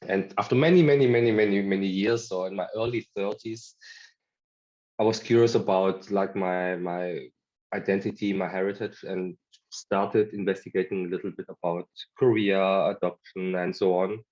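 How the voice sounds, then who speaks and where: Muffled low-voiced man. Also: fairly even intonation, moderate pace, darkish tone. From Germany. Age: late 30s. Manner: earnest, explanatory. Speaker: guest, adoptee association board member. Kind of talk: video call interview. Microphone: video call.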